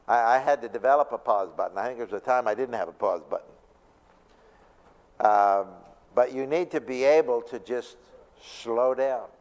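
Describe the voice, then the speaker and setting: A male pastor giving a conversational church talk on stress, often asking the audience questions. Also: mid-range voice. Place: church sanctuary. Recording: long reverb of a church hall.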